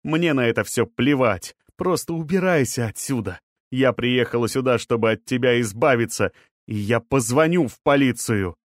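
Audiobook: male reader as a distraught, sharp-tongued woman, raised voice, dry booth sound. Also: mid-range voice, expressive, normal speed, no echo, natural voice. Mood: angry. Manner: sharp, furious, breaking off. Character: angry distraught grown woman.

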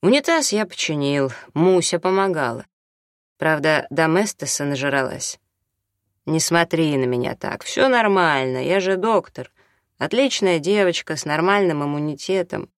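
A man's voice: a little high, animated, moderate pace, smooth, no room sound, clean studio sound. A man reading an audiobook, voicing a brash, hard-drinking doctor who jokes and orders people about. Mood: offhand. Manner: jokey, bossy, offhand.

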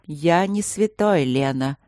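A woman reading a novel aloud, voicing a king who speaks slowly and evenly. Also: deep voice, no echo, clean studio sound. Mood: cold. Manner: flat, slow, even. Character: king, cold controlled adult man.

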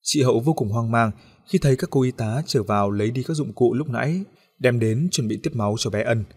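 A man narrates a story in a steady, earnest manner. His voice has a husky, slightly breathy grain at a middle pitch. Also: a little fast.

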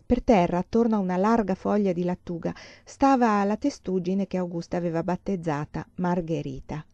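Mellow woman reading a novel aloud. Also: fairly low pitch, moderate pace, no room sound. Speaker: audiobook reader. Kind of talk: literary audiobook narration. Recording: slightly dull lo-fi recording.

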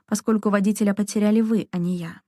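A woman reading the lines of a proud nobleman, curt and icy, in a mellow, dry voice. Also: medium pitch, fairly even intonation, quick pace, no room sound, close to an everyday voice. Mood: cold. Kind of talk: audiobook character reading.

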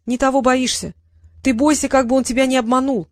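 A woman's voice: high-pitched, fairly even intonation, brisk, dry recording, studio quality, voice pushed up, lightly acted. A woman voicing a bossy, worried female magical familiar who scolds her young master. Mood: scolding. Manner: scolding, insistent.

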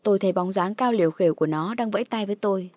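A woman's voice: mid-range voice, racing, a little mellow, no room sound, clean studio sound. Woman narrating a dramatic horror story. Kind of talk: first-person horror audiobook narration.

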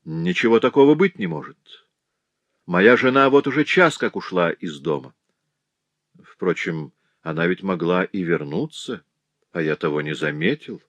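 A man's voice: low voice, animated, normal speed, fairly bright tone, no room sound. A man voicing a prudish, fussy middle-aged porter who frets aloud and protests indignantly, in a storybook reading. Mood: fretful musing. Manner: indignant, fretful muttering to himself. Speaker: concierge.

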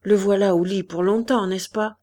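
A woman voicing a discouraged middle-aged manufacturer who speaks in a low, dejected way. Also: fairly even intonation, moderate pace, mellow, natural voice.

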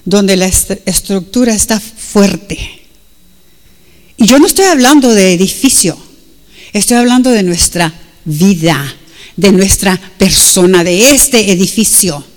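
A woman's voice: mid-range voice, in a large hall. Emphatic woman preacher. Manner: switches between Spanish and English, emphatic and repetitive. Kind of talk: sermon.

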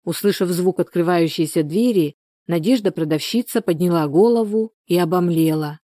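A woman calmly narrating a story as a storybook reader. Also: lowish voice, moderate pace, no room sound, clean studio sound. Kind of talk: storybook reading.

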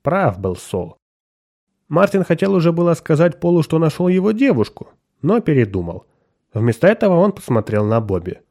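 A man reading a story aloud as narrator, giving the characters their own voices. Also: normal speed. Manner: expressive storytelling, shifting pitch for characters. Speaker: audiobook narrator. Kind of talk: scripted narration with voiced dialogue.

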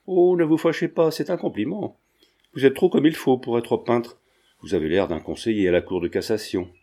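A man's voice: mid-range voice, normal speed, mellow, close to an everyday voice. A man voicing a brash, joking male painter who talks in teasing, slangy banter.

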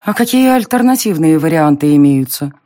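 A narrator playing a quick-tempered young woman in an audiobook reading, with a sharp and indignant delivery. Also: low-pitched, animated, no room sound, clean studio sound.

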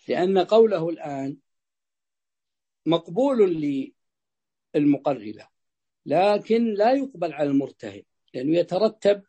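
A man teaching jurisprudence to students, explaining slowly, repeating phrases and checking whether they understand. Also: sits high, mellow, breathy edge. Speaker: sheikh teaching Islamic jurisprudence. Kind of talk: explaining a fiqh text to students.

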